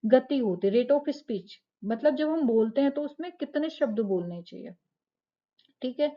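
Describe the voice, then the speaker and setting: A woman's voice: high voice, expressive, measured pace, dull audio. A woman teacher giving a lecture, explaining step by step, asking rhetorical questions and checking in with "ठीक है". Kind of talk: classroom lecture.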